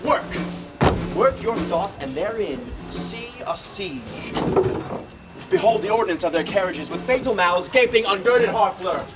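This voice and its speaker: A man's voice: high-pitched, expressive, distant mic, over loud music. A man playing a rousing chorus narrator, declaiming Shakespearean olde-speech verse in a grand, theatrical manner. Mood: stirring, grand. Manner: theatrical, grandly emphatic, drawn-out delivery.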